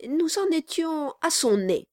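A woman's voice: high voice, unhurried, no echo, studio quality, pitched above the performer's own voice. A woman doing an oily, fawning male lawyer. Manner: unctuous, exaggerated flattery. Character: fawning sly male lawyer, gushing and obsequious.

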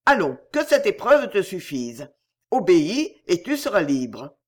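A man reading aloud, voicing a cruel Roman judge who shouts in exasperation. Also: sits high, wildly swooping pitch, a little slow, exaggerated voice. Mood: mocking.

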